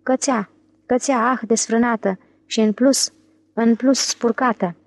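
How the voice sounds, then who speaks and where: A woman's voice: medium pitch, gravelly, a little mellow, no echo, close to an everyday voice. A woman voicing a middle-aged intellectual husband, nasal, whiny and melodramatic, wailing in self-pity.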